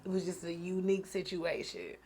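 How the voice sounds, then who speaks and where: A woman host telling a personal story in a casual, slangy, animated way, often laughing. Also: lowish voice, fairly quick, slightly rough. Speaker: podcast host.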